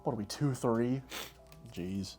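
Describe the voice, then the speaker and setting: A man's voice: mid-range voice, slow, warm tone, soft background music. A man co-hosting a casual podcast, reading out joke cards and laughing often between them. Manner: laughs often, tries funny accents. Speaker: podcast co-host.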